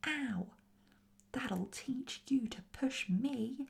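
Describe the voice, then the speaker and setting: Woman whispering as gruff squabbling goblins. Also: mid-range voice, a little slow, mellow, natural voice. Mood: quarrelsome. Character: rude squabbling male goblins. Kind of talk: whispered role-play.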